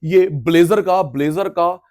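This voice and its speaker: A middle-aged man teaching an economics class with a loud, coaxing delivery. His voice sits high for a man, and he keeps quizzing his students as he goes. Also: measured pace. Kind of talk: energetic classroom lecture.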